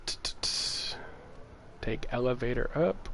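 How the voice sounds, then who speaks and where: A man's voice: medium pitch, lively intonation, slow, gravelly, noisy background. A man hosting a gaming livestream, ranting casually with exasperation, laughing and swearing as he talks.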